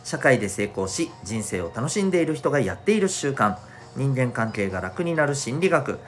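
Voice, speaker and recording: A man with a nasal, stuffed-up voice of medium pitch hosts a chatty solo podcast for schoolchildren and parents. He speaks at normal speed with a sing-song lilt, using polite, upbeat presenter phrasing.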